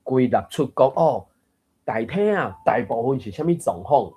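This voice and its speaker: A man's voice: medium pitch, animated, moderate pace, mellow, breathy edge. A man hosting a casual online reading group, explaining grammar points in a musing, chuckling way. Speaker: host of a Taiwanese reading group. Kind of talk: casual discussion of a book reading.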